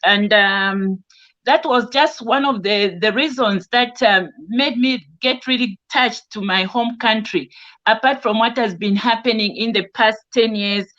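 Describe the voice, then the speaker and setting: A woman's voice: fairly high pitch, measured pace, a bit bright. A woman from Zambia living in the UK, speaking earnestly on an online call, with many restarts and fillers. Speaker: caller on an online discussion. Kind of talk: casual spoken testimony. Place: home, in the UK. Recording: dull lo-fi video call audio.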